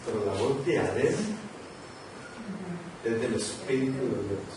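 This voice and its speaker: Predicador con eco de iglesia lejana. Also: male voice, mid-range voice, expressive, unhurried. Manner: questions the congregation, swings from loud to hushed. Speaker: preacher. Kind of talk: sermon. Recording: echoey church from far off, noisy.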